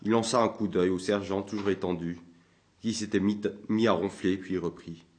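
Homme grave lisant un roman. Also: male voice, low voice, steady tone, moderate pace, darkish tone. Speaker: audiobook narrator. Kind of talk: scripted narration.

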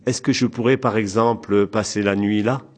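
A man's voice: on the low side, fairly even intonation, moderate pace, voice pushed up, natural voice. A man reading the part of a polite, weary male traveller, in a mild, easygoing, hesitant way.

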